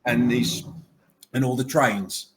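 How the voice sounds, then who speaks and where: A man's voice: mid-range voice, steady tone, slow, slight background noise. A man, an arcade owner chatting enthusiastically and at length in a casual interview. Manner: enthusiastic, rambling, full of superlatives.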